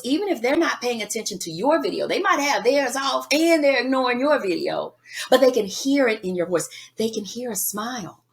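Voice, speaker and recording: Animated woman coaching with emphasis. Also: medium pitch, vocal fry. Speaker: guest speaker. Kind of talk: energetic advice in a podcast interview.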